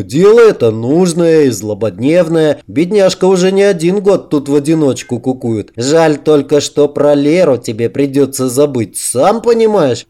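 A man's voice: fairly high pitch, mellow. A man playing a mocking, teasing joker. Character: mocking, clever man who teases everyone.

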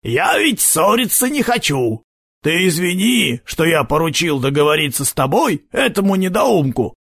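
A man's voice: high voice, big pitch swings, unhurried, vocal fry, fairly bright tone, slightly rough, dry recording, clean studio sound, pitched above the performer's own voice, exaggerated voice. A man voicing a sly adult gang leader who mocks and wheedles in a syrupy tone for an audiobook. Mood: wheedling. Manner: mocking, wheedling. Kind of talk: audiobook character voice.

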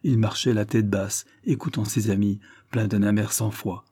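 Male narrator, low husky voice, even measured reading, dry close sound. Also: dry recording. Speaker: audiobook narrator. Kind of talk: literary audiobook reading.

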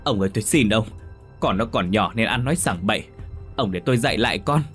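A man's voice: fairly low pitch, expressive, fast, a bit bright, slightly rough, soft background music. A man voicing a poor, long-suffering mother who scolds and pleads in anguish.

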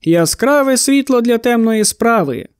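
A brash male monster hunter with a breezy, mocking way of speaking, as an audiobook reader plays him. He gives orders lightly, as if danger amuses him. The voice sits high and is recorded close and dry. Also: lively intonation, unhurried, clear, resonant tone, no echo. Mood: playful. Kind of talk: audiobook character voice.

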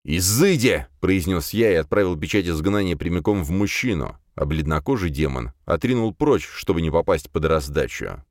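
Man, very low voice, animated narration, dry studio sound, audiobook reading. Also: normal speed, few pauses, no echo.

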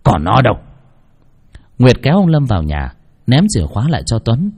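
Man, horror story narration, husky, lively intonation, suspenseful. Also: medium pitch, fast. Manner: expressive, suspenseful.

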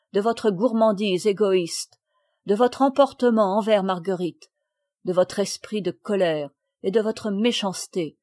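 A woman voicing a calm, stern aristocratic lady who speaks in a measured, cold and formal way, as in a read storybook. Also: medium pitch, no echo, studio quality, close to an everyday voice.

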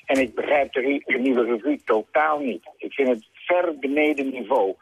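Indignant gravelly radio phone-in caller. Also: male voice, medium pitch, moderate pace, a little hiss or hum. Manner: formal and indignant. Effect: phone-in caller on a radio show. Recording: tinny phone line.

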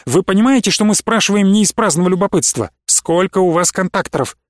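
A man voicing a calm, firm male army major who speaks in a measured, steady way. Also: high voice, no echo, clean studio sound. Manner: measured, steady, stern when pressed.

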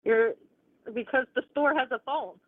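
Woman store clerk over the phone, high, curt, tinny and dry. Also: normal speed. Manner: confused, curt, brushing off the caller. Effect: heard over a phone line.

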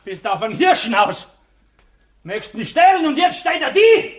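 An actor playing a bitter, proud young poacher with a high, lively voice in a 1960 radio play. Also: male voice, normal speed. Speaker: [name].

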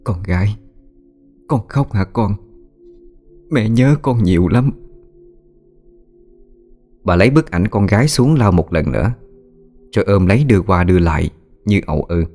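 A man narrating a ghost story in a measured, solemn way. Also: sits low, darkish tone. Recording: faint music bed. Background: faint music.

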